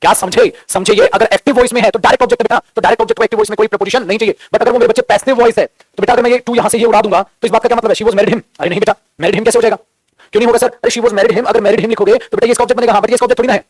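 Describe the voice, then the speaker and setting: A man's voice: high-pitched, fairly even intonation, rapid-fire, few pauses, dry recording. A man teaching English grammar in a class lecture, teasing and scolding his students playfully with jokes and repeated drilling questions.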